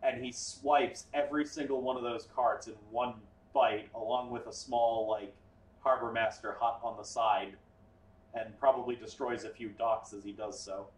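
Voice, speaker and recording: A man's voice: medium pitch, fairly even intonation, moderate pace. A man acting as game master, narrating a tabletop game in a casual, explaining way. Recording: echoey room, far from the mic.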